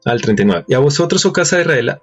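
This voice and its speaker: A man's voice: medium pitch, very animated, racing, breathy edge. A man preaching a sermon, reading verses aloud and asking his listeners questions. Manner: asks rhetorical questions and reads verses aloud. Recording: dull lo-fi recording with faint music.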